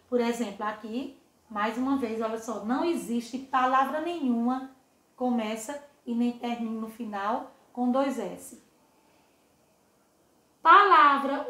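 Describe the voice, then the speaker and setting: A woman teaching a recorded lesson to young children, with a high voice and a slow, patient pace. She repeats words, stretches them out and keeps asking if they see, fond of her pupils. The room gives her voice a clear echo. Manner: slow, drawn-out, repeats words and asks "tá vendo?"; affectionate with pupils. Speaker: primary school teacher.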